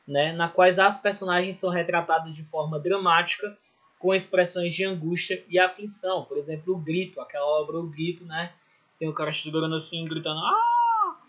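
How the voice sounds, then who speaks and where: Male art teacher, slightly high voice, explanatory and repetitive with tag questions, muffled lo-fi sound. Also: a bit bright. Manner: explanatory, many "né?" and "ou seja" tags, self-corrections. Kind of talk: recorded online class lecture.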